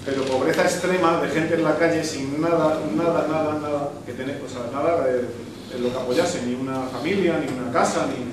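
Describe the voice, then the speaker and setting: A man's voice: fairly high pitch, moderate pace, crowd noise. A man from Spain arguing at a public debate after a screening, insistent and repeating himself. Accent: Spanish from Spain. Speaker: audience member in a debate. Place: hall of a social club. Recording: echoey room, far from the mic, noisy.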